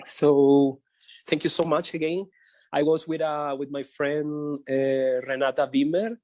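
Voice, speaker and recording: Halting man from Colombia, dry sound. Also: on the high side, steady tone, darkish tone, no echo. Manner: hesitant, halting non-native phrasing with many fillers. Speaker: composer and guitarist. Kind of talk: casual spoken introduction.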